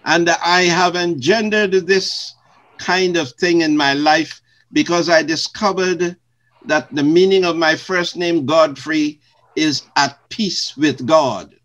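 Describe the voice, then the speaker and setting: An older man from Guyana, a retired pastor, answering interview questions in slow, measured, formal phrasing. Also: a little high, fairly even intonation, fairly bright tone.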